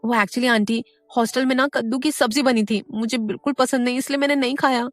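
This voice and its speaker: Woman as sweet childlike girl, soft and sheepish, high voice. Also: moderate pace, no echo, faint music behind, lightly acted.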